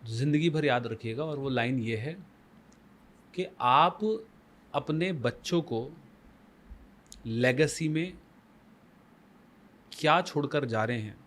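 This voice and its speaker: A man's voice: medium pitch, slow pace, pauses often, a bit bright. A man as the guest life coach on a podcast, explaining emphatically with rhetorical questions and mixing Hindi with English phrases. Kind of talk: podcast conversation.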